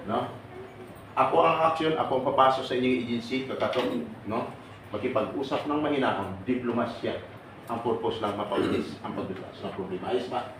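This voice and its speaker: A man's voice: medium pitch, fairly quick. A man giving an earnest seminar talk to an audience, often checking in with rhetorical questions. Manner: earnest, rhetorical, keeps asking "no?" and "tama?". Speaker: OFW assistance advocate. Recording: echoey room with faint background noise.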